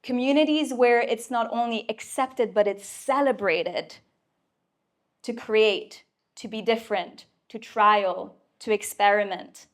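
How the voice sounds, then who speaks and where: A woman's voice: on the high side, measured pace. A woman giving an inspirational talk to a live audience at a mentoring event, playful and emphatic, with casual swearing. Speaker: speaker at a mentoring community event.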